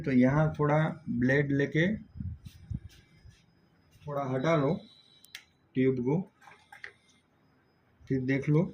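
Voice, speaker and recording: Explaining step by step and checking in often, a male auto electrical repair instructor with an Indian accent leads a hands-on technical tutorial. His mid-range voice is a little mellow. Sound quality is dull and lo-fi, with faint background noise.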